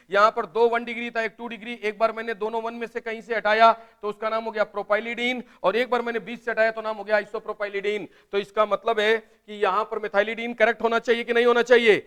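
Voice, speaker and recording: High-voiced male chemistry teacher. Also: a bit bright, smooth. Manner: urges students to answer quickly in chat; explains step by step, often asks "right?". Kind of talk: live online class lecture.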